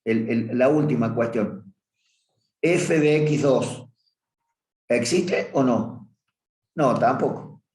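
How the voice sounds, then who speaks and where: A man's voice: mid-range voice, slow, long pauses, darkish tone. A man teaching a review class on limits, talking through a graph and stopping often to correct himself. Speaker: math teacher. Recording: roomy echo.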